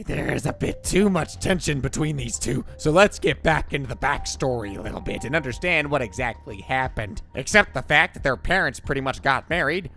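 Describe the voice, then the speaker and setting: A man's voice: on the high side, fairly bright tone. A man narrating a scripted comedic story recap in a slangy, irreverent way with sarcastic asides.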